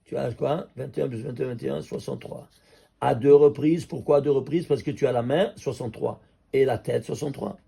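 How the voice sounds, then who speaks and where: A man teaching a Torah class as a rabbi, an animated teacher who keeps quizzing his listeners. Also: medium pitch, creaky, breathy edge. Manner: lively teacher quizzing listeners with quick questions. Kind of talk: Torah class on number mysticism.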